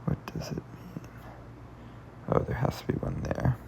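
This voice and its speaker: Against a noisy background, a man talks a little slowly as he solves puzzles for his channel. His commentary is casual, mostly thinking aloud, with frequent muttering and half-whispers under his breath.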